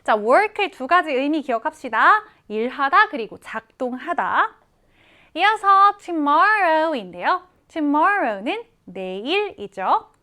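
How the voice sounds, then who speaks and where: A woman teaching English vocabulary to students, explaining each word slowly and clearly and repeating example readings. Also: high voice, big pitch swings, bright, forceful tone.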